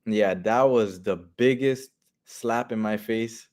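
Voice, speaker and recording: A man's voice: fairly low pitch, takes it slowly, a little mellow. A young man in his twenties from Canada, a football player talking candidly in an interview and repeating phrases for emphasis. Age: 20s. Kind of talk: casual interview talk.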